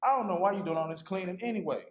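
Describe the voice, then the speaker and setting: A man's voice: sits high, very fast, roomy sound, lightly acted. An actor playing a stubborn, resentful young man in his twenties, arguing informally in stage play dialogue. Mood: resentful, defensive. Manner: defensive, informal, argumentative.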